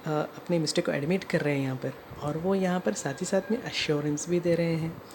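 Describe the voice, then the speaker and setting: With a mid-range voice and a fairly quick pace, an Indian vlogger recounts their own complaint as a customer, slipping English phrases into the narration. Background noise is clear in the recording.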